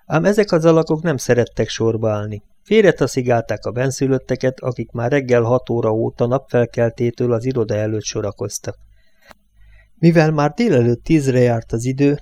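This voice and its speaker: A man reading a novel aloud as an audiobook narrator, with steady, measured storytelling. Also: mid-range voice, no room sound. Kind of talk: scripted literary narration.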